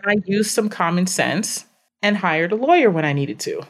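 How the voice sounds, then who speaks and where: A woman guest on a podcast, telling her story in an animated, emphatic way, repeating phrases for effect. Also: lowish voice, moderate pace. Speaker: podcast guest, business owner.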